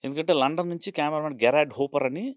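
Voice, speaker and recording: A man from Bhimavaram tells his stories in a quick, lively rush. The recording is close and dry, with no room sound. He acts out the lines of the people in his tales as he goes. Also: fairly high pitch, dry recording. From Bhimavaram, Andhra Pradesh, India. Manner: animated anecdote-telling, acting out quoted dialogue. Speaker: art director, interview guest. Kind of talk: casual storytelling in an interview. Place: studio interview.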